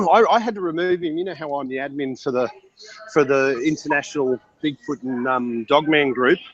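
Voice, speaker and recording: A man's voice: medium pitch, normal speed, a bit bright, soft background music. An Australian man, a yowie researcher, chatting bluntly and swearing freely while telling stories from an airport lounge. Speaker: yowie researcher and group admin. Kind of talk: casual online hangout chat. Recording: lo-fi call audio.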